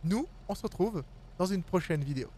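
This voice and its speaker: A man's voice: sits high, expressive, brisk, dark tone, a little hiss or hum. A man, a gaming YouTuber, giving casual let's-play commentary and joking with the characters on screen. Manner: playful, jokes with the game characters.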